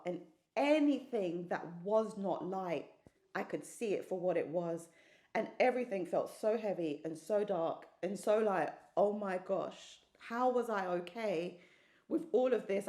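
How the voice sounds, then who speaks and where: A woman's voice: mid-range voice, a little mellow. Earnest British woman, echoey room. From United Kingdom. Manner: earnest, emphatic, repeats phrases. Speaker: interview guest giving testimony. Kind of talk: personal testimony.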